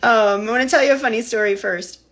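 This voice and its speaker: A woman's voice: fairly high pitch, fast, fairly bright tone. A woman hosting a weekly livestream news brief from inside a tiny house, chatty and laughing often as she greets viewers by name. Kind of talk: casual livestream chat.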